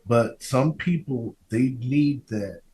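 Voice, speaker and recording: A man with a mid-range, somewhat dark voice hosts a casual interview podcast. He speaks in an affirming, halting way and keeps repeating himself.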